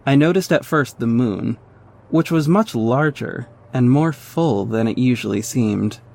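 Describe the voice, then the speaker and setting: Playing a young vigilante superhero who is cocky but caring, a male actor gives earnest first-person narration and acted dialogue in a scripted audio drama backed by music. His medium-pitched voice is unhurried, creaky and a little mellow.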